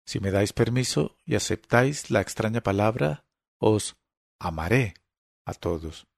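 A man voicing a calm father who pleads his case slowly and in measured words. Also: on the low side, vocal fry, dry recording, clean studio sound, heavily acted. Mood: earnest.

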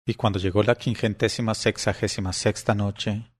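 A man narrating classic tales as an audiobook, with an even, clear storytelling delivery. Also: fairly low pitch, normal speed, over music.

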